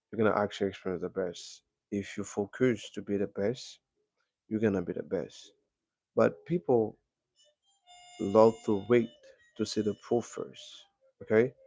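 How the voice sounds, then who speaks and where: A man's voice: on the low side, creaky, a little mellow, dry recording. A man hosting a casual motivational livestream on a microphone, repeating himself and calling his viewers guys. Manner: repetitive, keeps addressing viewers as guys. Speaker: livestream host.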